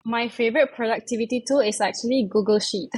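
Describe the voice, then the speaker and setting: A young woman from Malaysia, chatting as an interview guest, full of fillers and quick self-corrections. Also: a little high, a little mellow, breathy edge, low-quality recording. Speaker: guest, investment manager. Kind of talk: casual interview chat.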